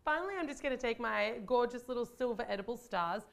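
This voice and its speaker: A woman's voice: a little high, fast, creaky. A woman hosting a baking channel, giving bubbly, chatty step-by-step instructions in her kitchen. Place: home kitchen.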